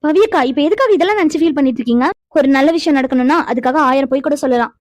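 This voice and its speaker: A woman's voice: high voice, very fast, dry recording, clean studio sound, lightly acted. A woman voicing a caring young woman in a cartoon who reassures and questions the older sister figure. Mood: reassuring. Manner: reassuring, curious, lively. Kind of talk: animated cartoon dialogue.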